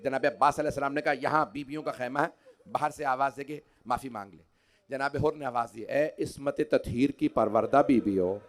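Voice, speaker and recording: A man leading a mourning majlis at a large outdoor gathering, moving from hushed, low storytelling to loud, wailing cries as he acts out the dialogue in his story. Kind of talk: impassioned majlis sermon recitation.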